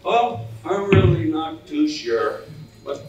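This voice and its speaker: A man's voice: fairly high pitch, very animated, slow pace, music in the background, full character voice. An older man playing a joking married man at a bar in an amateur stage comedy skit, stammering as he delivers his jokes. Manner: hesitant, stammering joke delivery. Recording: echoey hall, far-off mic, faint noise.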